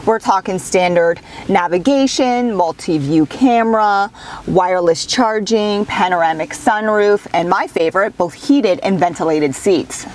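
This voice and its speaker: Chatty woman car reviewer, upbeat, middle pitch, faint background noise. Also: a little slow, a little mellow. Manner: chatty, enthusiastic, with little laughs.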